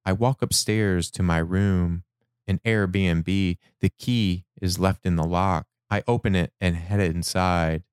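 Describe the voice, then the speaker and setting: A man reads from his personal dream journal in a slow, measured, reflective way. His voice sits very low and sounds clean and resonant. The recording is dry and close, with no room sound. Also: fairly even intonation, smooth, no room sound. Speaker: narrator.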